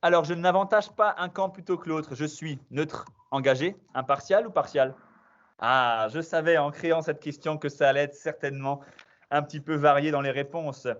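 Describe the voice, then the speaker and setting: A man's voice: normal speed, highs cut off. Upbeat man hosting an online quiz. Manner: energetic, emphatic, pitch jumps up on questions. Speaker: quiz host and trainer. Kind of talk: online quiz session for youth players. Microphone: video call.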